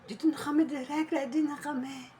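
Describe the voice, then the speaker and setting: A woman's voice: high voice, steady tone, brisk, mellow, slight background noise. A woman vlogger in casual teasing banter, playfully scolding and calling people out.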